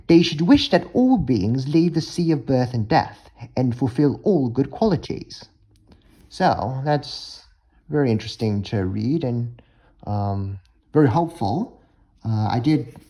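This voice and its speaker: A man vlogging about learning languages, explaining words in a tentative, thinking-aloud way and slowing down to sound out foreign terms. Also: fairly low pitch, mellow. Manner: musing and tentative, many ums and hedges.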